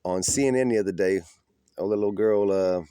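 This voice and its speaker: A man's voice: fairly low pitch, a little fast, mellow, clear, resonant tone, no room sound, clean studio sound. A man ranting outdoors in the cold, giving profane, combative and mocking political commentary. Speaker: political vlogger.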